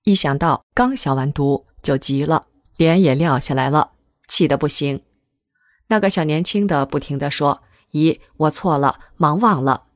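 A woman reading a first-person article aloud in a steady, measured way. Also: sits low, no echo, studio quality. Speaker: article reader. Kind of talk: scripted reading of a testimonial article.

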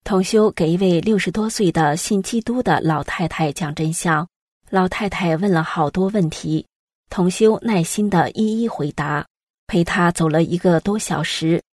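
Low-pitched woman reading reports, dry sound. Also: moderate pace, no room sound. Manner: even, storytelling read-aloud delivery. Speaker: news reader. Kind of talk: scripted news narration.

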